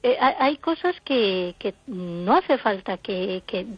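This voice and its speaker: A woman's voice: medium pitch, animated, slow, slightly rough, no room sound. A woman talking casually on the radio, explaining her point chattily and piling up everyday examples. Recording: dull, muffled radio sound.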